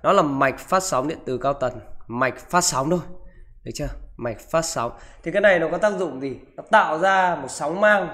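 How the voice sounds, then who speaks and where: A physics teacher in a live online class walks students through exam questions, checking in after almost every sentence with "được chưa?" and "đúng không?". His voice sits at a fairly high pitch and sounds a bit bright.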